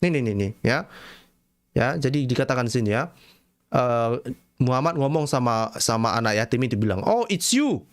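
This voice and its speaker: A man's voice: medium pitch, moderate pace. A man giving casual, mocking commentary while reading texts aloud, full of fillers, repeated words and slangy asides to viewers. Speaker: online religious critic presenting texts.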